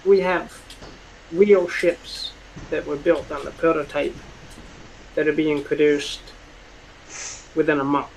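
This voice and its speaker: Slow, hesitant man running a tabletop game. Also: on the high side, little pitch movement, creaky, slight background noise, poor audio. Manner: halting, hesitant, searching for words. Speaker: game master. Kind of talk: improvised tabletop game narration and dialogue.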